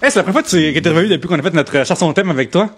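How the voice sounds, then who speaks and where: A man's voice: fairly high pitch, animated, very fast, noisy background. A man hosting a podcast in casual, chatty talk full of fillers. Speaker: podcast host.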